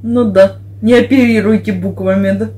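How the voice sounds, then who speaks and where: A woman's voice: mid-range voice, fairly even intonation, normal speed, dark tone. A middle-aged woman chatting casually with a friend, telling things playfully with little sound effects and made-up words. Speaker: vlog co-host, works as a house cleaner. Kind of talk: casual chat with a close friend. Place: small wood-panelled living room, indoors. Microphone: camera across the table.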